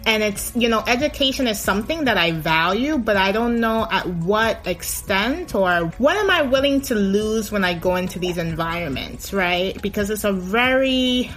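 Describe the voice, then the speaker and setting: A woman hosting a podcast, narrating and asking questions in a measured, attentive way. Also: medium pitch, expressive, a bit bright, soft background music. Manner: measured, attentive, frequent affirmations. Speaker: podcast host.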